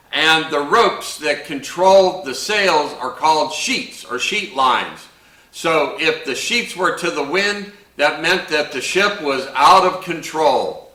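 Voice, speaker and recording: Folksy, bright-voiced man hosting a drink tutorial. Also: a little high, roomy sound, distant mic, low-quality recording. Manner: folksy and chatty, with playful pirate slang. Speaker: host of a home bar drink show. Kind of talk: casual drink-making tutorial.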